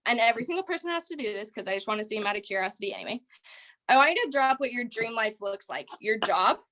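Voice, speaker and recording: A woman's voice: on the high side, lively intonation, fast talker, pushed and bright. A young woman leading a team training call, giving a casual motivational talk with a chatty, rambling way of speaking full of "like" and "um". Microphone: video call.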